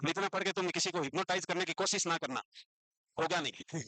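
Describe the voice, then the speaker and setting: A man's voice: sits high, fairly quick, pushed and bright, no room sound, poor audio. A man teaching a class, who quizzes students with repeated questions and scolds them now and then. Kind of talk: classroom lecture.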